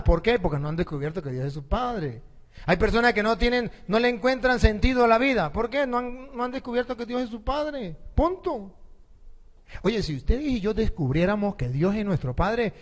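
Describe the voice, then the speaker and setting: A priest delivers a sermon in a fairly high voice. He tells stories and throws rhetorical questions at his listeners. A long reverb trails after his words. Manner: storytelling preacher, rhetorical questions to the congregation.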